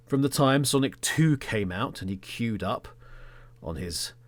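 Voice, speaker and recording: An English podcast host in his thirties tells a story in the third person as a theatrical monologue. He stresses words emphatically and lets phrases trail off into a hush, speaking with a fairly low pitch.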